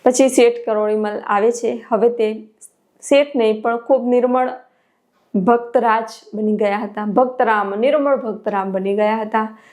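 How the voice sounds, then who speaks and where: Woman spiritual teacher, devotional parable storytelling, expressive, fairly high voice. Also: a little slow. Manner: expressive, exclamatory.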